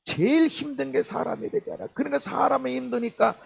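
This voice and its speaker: A middle-aged male pastor preaching a sermon, swinging from loud exhortation to low muttered asides and acting out the people he quotes. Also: expressive, fairly quick, creaky.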